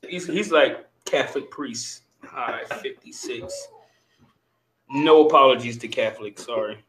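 A man co-hosting a podcast in casual banter, joking crudely, talking loudly and laughing often. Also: medium pitch, animated, unhurried, reverberant, background noise. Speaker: podcast co-host.

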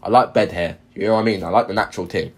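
A man's voice: sits low, fairly even intonation, rapid-fire, darkish tone, breathy edge. A man co-hosting a podcast, chatting casually in street slang and often repeating himself. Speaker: podcast co-host.

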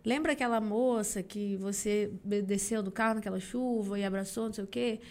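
A young woman from Brazil, a singer guesting on a podcast, telling a story in a casual, animated way and acting out the voices of the people she quotes. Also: mid-range voice, fairly quick.

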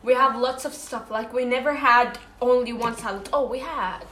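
Young woman vlogger, slightly high voice, chatty with lots of fillers, roomy echo. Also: normal speed, fairly bright tone, a little hiss or hum. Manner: chatty, full of fillers and restarts. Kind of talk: casual chat while eating.

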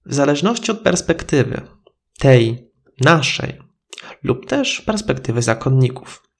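A man hosting a history podcast, giving a scripted explanatory narration in a measured, literary reading voice. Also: mid-range voice, big pitch swings, creaky, breathy edge.

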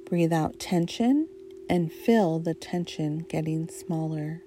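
A woman guiding a relaxation meditation in a soft, soothing, hypnotist-like voice, leaving long pauses between short phrases. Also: low voice, soft background music. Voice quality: soft, mellow. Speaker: guided meditation narrator.

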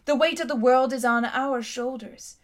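A woman voicing a cold, imperious tyrant queen in a storybook reading, speaking loudly and grandly. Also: sits high, moderate pace, natural voice. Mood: haughty. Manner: haughty, commanding, grand.

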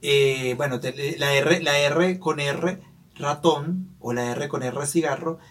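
A man's voice: a little high, takes it slowly, fairly bright tone. Playful man telling stories. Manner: playful, joking storyteller. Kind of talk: casual chat.

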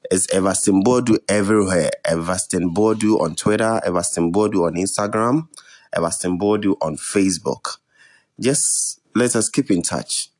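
A young man with a West African accent, hosting a podcast alone in a measured, earnest way. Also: low voice, darkish tone. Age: young adult. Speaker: podcast host. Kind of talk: introductory solo podcast talk.

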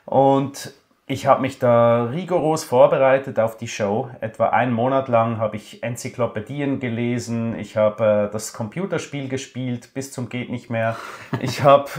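A man, a guest in a podcast interview, telling his story at a relaxed pace with many hesitations. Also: medium pitch. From Switzerland. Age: 40s. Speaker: guest, finance blogger.

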